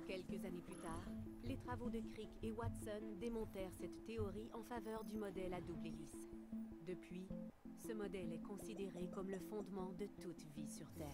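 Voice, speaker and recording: A woman voices a calm, measured documentary narrator in a video game. Her explanation plays over loud music. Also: mid-range voice, natural voice. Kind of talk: scripted narration.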